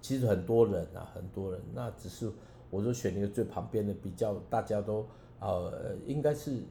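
A man, a preacher and songwriter giving an earnest, halting personal testimony as a radio guest, with many restarts. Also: lowish voice, creaky, warm tone, roomy sound, slight background noise.

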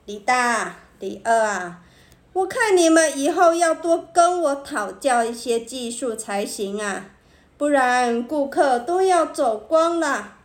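A woman's voice: high-pitched, lively intonation, takes it slowly. A woman voicing an arrogant, boastful young male barber with a scornful, smug way of talking, in a storybook reading. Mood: lecturing.

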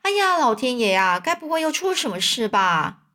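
Woman reading as excitable aunt, high, loud, dramatic, storybook. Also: moderate pace. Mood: excited. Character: excitable fussing middle-aged aunt.

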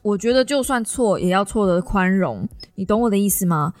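A woman voicing a weary, earnest adult daughter who pleads and then reasons calmly. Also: mid-range voice, a little fast, no room sound, clean studio sound, close to an everyday voice.

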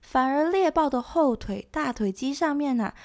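A woman giving scripted nature documentary narration as a presenter, explaining things in a conversational way with soft sentence particles. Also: high-pitched, expressive, moderate pace. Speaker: presenter of an animal education show.

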